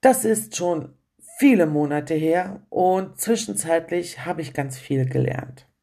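A woman's voice: low-pitched, lively intonation, slow, dark tone. A woman coach in a candid, chatty personal monologue, reflecting with a self-ironic manner.

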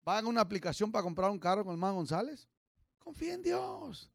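Man pastor, high gravelly voice, dry recording; fiery call-and-response sermon. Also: very fast, dry recording. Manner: exhorting, call-and-response, swings from soft to shouting. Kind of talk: bilingual sermon.

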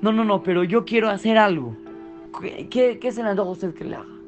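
A storyteller voicing an impatient rich man who shouts at someone holding up a checkout line. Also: medium pitch, faint music behind, natural voice. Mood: remorseful. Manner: yelling, indignant, rapid.

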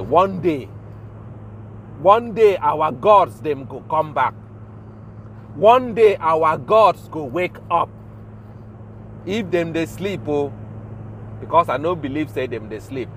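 A man with a notably high voice and a Nigerian accent delivers an informal rant as a show host. He speaks haltingly and emphatically, often repeating himself. There is faint noise behind him, like urban or vehicle ambience. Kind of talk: informal spoken rant in Pidgin.

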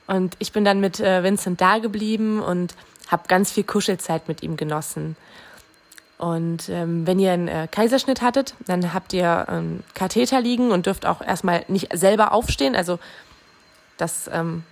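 Gravelly-voiced young mother, softly emotional. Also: on the low side, moderate pace. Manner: emotional, soft-spoken, often drops toward a hush. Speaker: new mother telling her birth story. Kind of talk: casual personal vlog storytelling.

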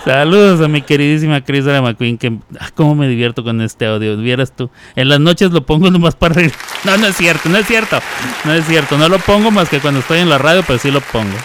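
Playful radio host. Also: male voice, fairly high pitch, expressive, a little fast, a crowd in the background, noisy background. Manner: playful, laughing, teasing. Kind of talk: casual radio chat.

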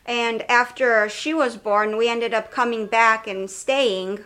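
A woman's voice: fairly high pitch, slow, a bit bright. A young woman from Romania, a podcast guest sharing her life story in a casual, conversational way, with many fillers and self-corrections. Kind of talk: casual personal testimony.

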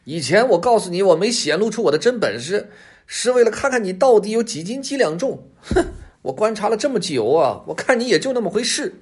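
A man voicing a sly, boastful male fox in a high, squeaky, cocky voice. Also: sing-song, brisk, husky, heavily acted.

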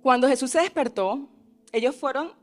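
A woman's voice: sits high, normal speed, faint music behind. A woman preaching a sermon who keeps asking her listeners questions and acts out the cries in the story. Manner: asks the listeners frequent questions, adds tag questions; acts out the disciples' cries with rising force.

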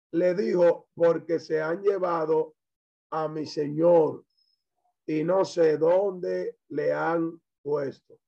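A man's voice: fairly high pitch, creaky, dull audio. A man preaching a sermon in Spanish, explaining a Bible passage verse by verse and quoting scripture. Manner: slow, measured preaching with scripture quotes.

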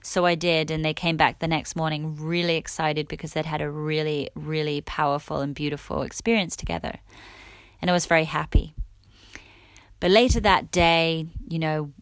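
A woman podcast host opens up about a personal story in a candid, reflective voice that sits a little low. The sound is dry and close, with no room around it. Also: a bit bright, smooth, no echo.

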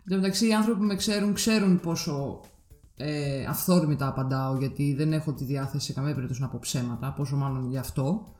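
A woman in her thirties telling a personal story in casual podcast chat, candid and animated when she quotes others. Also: deep voice, roomy sound. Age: 30s.

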